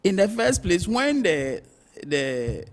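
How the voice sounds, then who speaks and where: Patient explaining man, fairly high voice. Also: sing-song, takes it slowly. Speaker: customs expert guest. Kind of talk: explanatory studio talk.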